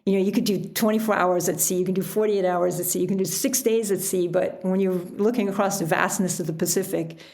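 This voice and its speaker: This woman, an author and sailor, is a guest on a podcast, speaking casually and reflectively and chuckling often. Her low-leaning voice is gravelly and a little mellow, with a steady tone, a fairly quick pace, and hardly any pauses.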